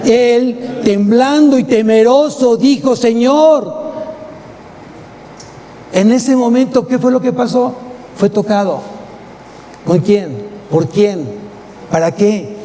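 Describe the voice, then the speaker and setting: Mexican pastor preaching in a reverberant church. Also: male voice, very high voice, slow, pauses often, dark tone. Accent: Mexican Spanish. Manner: emphatic, rhetorical questions to the congregation. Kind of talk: sermon. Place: church sanctuary. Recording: long church hall reverb, faint noise.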